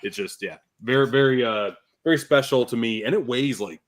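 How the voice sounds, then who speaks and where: A man's voice: medium pitch, a little fast. A man chatting casually as a panelist, earnest and appreciative in how he talks. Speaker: award show panelist. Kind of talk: casual chat.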